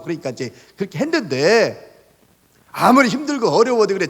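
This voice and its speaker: A male pastor giving a sermon, telling stories in an animated way and putting rhetorical questions to the congregation. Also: high-pitched, long reverb tail. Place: church sanctuary.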